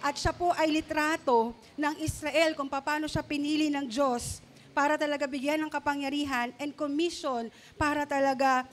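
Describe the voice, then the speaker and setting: A middle-aged woman pastor giving an animated sermon, asking the congregation questions and mixing English words into Filipino. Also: high voice, moderate pace, slight background noise.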